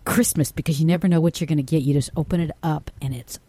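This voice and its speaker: A woman's voice: low-pitched, fairly even intonation, fast talker, dark tone, husky, no room sound. A woman co-hosting a radio show, chatting with bubbly enthusiasm. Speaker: radio co-host. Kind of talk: casual radio chat.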